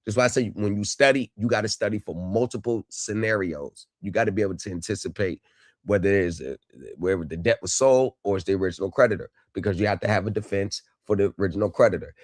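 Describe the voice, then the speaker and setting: A man's voice: fairly low pitch, fast, no room sound, clean studio sound. A man hosting a livestream, chatting casually and speaking straight to his viewers over headset audio. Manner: chatty, addresses viewers directly. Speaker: livestream host reviewing court videos. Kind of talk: casual live commentary to chat.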